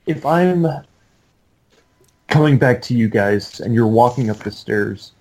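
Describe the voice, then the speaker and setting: A man's voice: medium pitch, lively intonation, a little slow, a little mellow, poor audio. A man playing a tabletop game, talking through his character's choices and asking about rules. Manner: thoughtful, explains rules questions. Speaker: player. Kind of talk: casual tabletop game chat.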